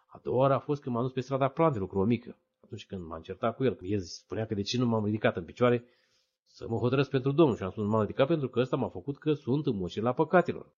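A Romanian man telling his own conversion story as a testimony, acting out the voices of friends and others with sudden high, loud bursts. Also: animated. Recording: dull lo-fi recording.

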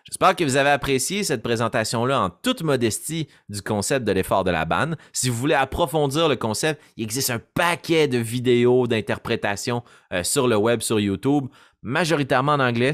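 A man's voice: medium pitch, dry recording, studio quality. A man, a game master giving a casual tutorial on creating character voices and demonstrating as he goes. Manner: animated, demonstrates voices as he explains. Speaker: game master teaching voice acting.

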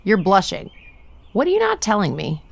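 A woman's voice: medium pitch, wildly swooping pitch, normal speed, vocal fry, slightly rough, no room sound, exaggerated voice. A woman playing a breezy but probing, suspicious mother in an audio drama.

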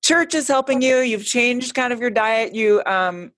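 A woman's voice: fairly high pitch, animated, a little slow, fairly bright tone, dry recording. A middle-aged woman hosting a casual chat, sharing stories and asking follow-up questions. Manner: conversational, asks follow-up questions. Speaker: host.

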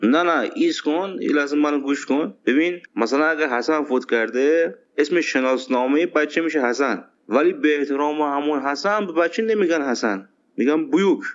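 A man's voice: a little high, hardly any pauses, close to an everyday voice. A man playing a stubborn patient in a radio sitcom who earnestly over-explains. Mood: insistent. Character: stubborn male patient insisting on his name. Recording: slightly muffled recording.

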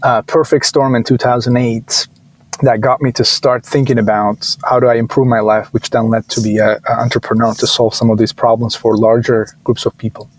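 Turkish-accented male founder in his thirties, mid-pitched, conversational and hesitant, guest on a podcast. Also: level tone, fairly quick, dry recording, low-quality recording. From Turkey. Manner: hesitant, many fillers and restarts. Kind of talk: casual interview talk.

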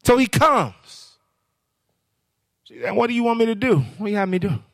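A man's voice: very high voice, normal speed, gravelly, dry recording, studio quality. A man preaching a sermon as guest speaker, questioning the crowd and rising into sing-song phrases. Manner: call-and-response preaching, sing-song rises.

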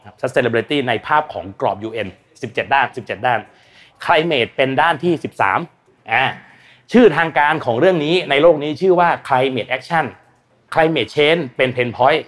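A man's voice: medium pitch, a little slow. Blunt, slangy Thai man explaining. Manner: blunt, slangy and animated, acts out quoted voices. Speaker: guest expert on energy and climate. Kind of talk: casual explanatory talk.

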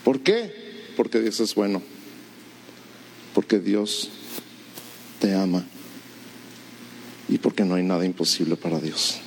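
A man, a pastor preaching an animated storytelling sermon in a church, asking the congregation rhetorical questions. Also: deep voice, slow, pauses often, slight background noise.

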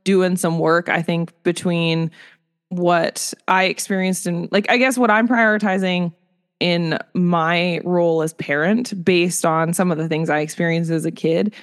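A woman's voice: on the low side, fairly even intonation, a little slow, clear, resonant tone. A woman in her thirties, a podcast co-host, talking candidly in casual chat, laughing often and trailing off mid-thought.

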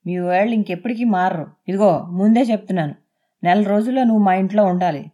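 A woman's voice: mid-range voice, fast, mellow, lightly acted. A woman reading aloud voices a harsh, mocking young husband who bullies his wife. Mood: scornful. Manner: mocking and bullying. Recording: dull lo-fi.

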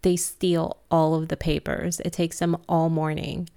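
A woman's voice: low voice, little pitch movement, unhurried, dark tone, clear, resonant tone. A woman recapping a movie plot in casual chat, laughing often and acting out the characters' lines. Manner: chatty, laughs often, acts out quoted lines.

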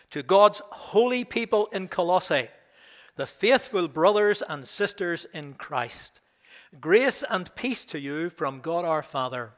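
A man's voice: medium pitch, fairly bright tone. An older man with a Northern Irish accent, a minister giving a sermon who reads scripture with rising emphasis and tells stories with chuckling asides. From Belfast. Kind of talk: sermon with scripture reading and anecdotes.

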